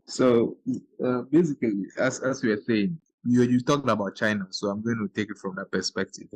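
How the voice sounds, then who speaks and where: A Ghanaian man with a mid-range voice hosts a podcast conversation, explaining his points earnestly at a moderate pace and offering brief backchannel agreements. The recording quality is low.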